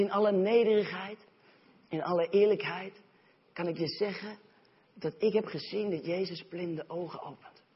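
Husky high-voiced preacher in a hall. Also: male voice. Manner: animated storytelling, acts out voices in the story. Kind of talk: sermon. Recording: dull sound, long hall reverb.

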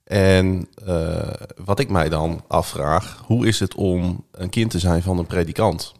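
A man hosting a casual talk, asking calm, probing questions. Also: low-pitched, measured pace, gravelly. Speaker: host. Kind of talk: casual podcast conversation.

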